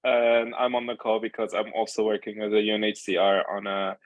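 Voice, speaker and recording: A man from Lebanon, an artist speaking as a panel guest, good-humored and quick to laugh. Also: fairly low pitch, monotone, no room sound, lo-fi sound. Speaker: artist and co-founder. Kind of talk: casual panel chat.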